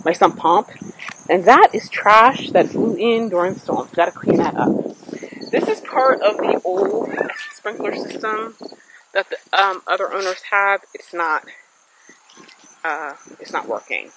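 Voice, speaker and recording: A woman's voice: medium pitch, expressive, measured pace, very noisy. A woman giving a casual walking tour of her backyard garden outdoors on a clip-on mic, thinking aloud with fillers and self-corrections. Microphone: clip-on microphone.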